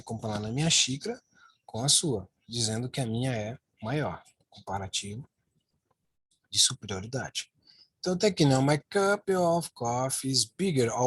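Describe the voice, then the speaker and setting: A Portuguese-speaking man gives an online English grammar lesson, walking students through slides. His voice is medium-pitched, a bit bright, with a breathy edge, recorded dry. He keeps tagging phrases with "né" and "ó" as he points at the slides.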